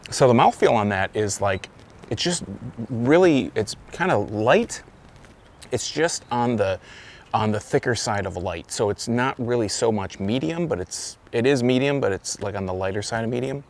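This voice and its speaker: Speaking in a mid-range, expressive voice at a moderate pace with some vocal fry, a man casually reviews a beer outside. It's windy, and wind noise comes through. His delivery is loose and rambling, with frequent self-corrections.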